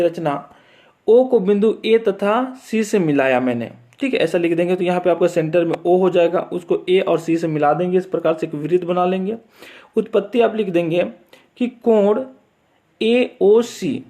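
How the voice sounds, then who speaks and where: Male tutor, high pitched and soft-toned, talks through geometry steps, chhattisgarh hindi. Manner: repeats steps with frequent "theek hai" check-ins. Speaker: math teacher. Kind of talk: explaining a board exam assignment.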